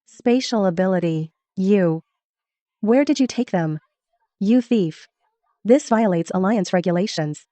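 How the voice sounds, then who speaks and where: A woman's voice: mid-range voice, animated, unhurried, warm tone, no room sound, lightly acted. A woman voicing a righteous, stern alliance officer with formal delivery in a dramatic English dub. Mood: outraged.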